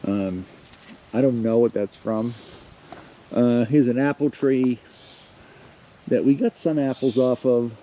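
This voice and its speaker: A man's voice: medium pitch, fairly even intonation, slow pace, long pauses, mellow, lo-fi sound. A middle-aged man, rambling casually and a little out of breath as he films a walk around his rural yard. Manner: rambling, filler-heavy, plain-spoken. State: slightly out of breath. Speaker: vlogger. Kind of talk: casual walking vlog. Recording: faint outdoor noise with crickets.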